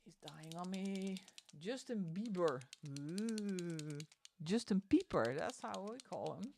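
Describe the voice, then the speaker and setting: A woman streamer with a lowish, gravelly, slightly mellow voice chats casually into a desk microphone while she colors. She speaks slowly and expressively, breaking into exasperated rants and asides, and sings along to music between bits of chat. There is slight background noise.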